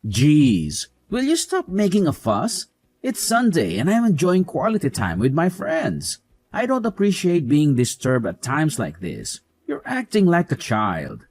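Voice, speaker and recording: A man's voice: a little high, huge pitch swings, unhurried, a little mellow, dry recording, full character voice. A man voicing a dismissive young husband who mocks his wife and defends his mother. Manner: mocking, dismissive. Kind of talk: animated story voice acting.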